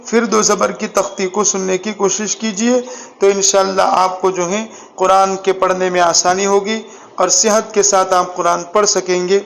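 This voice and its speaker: High-voiced patient Quran reading teacher. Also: male voice, vocal fry, slight background noise. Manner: patient, drawing out syllables slowly, urging learners to repeat aloud; encouraging praise for learners. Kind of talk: Quran reading lesson drilling letter sounds.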